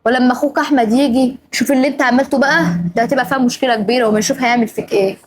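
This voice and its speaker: Young egyptian woman, egyptian accent, high-pitched, fast, repetitive emotional scolding. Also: fairly even intonation, low-quality recording. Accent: Egyptian Arabic. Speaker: regular of the show. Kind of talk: scripted family drama acting.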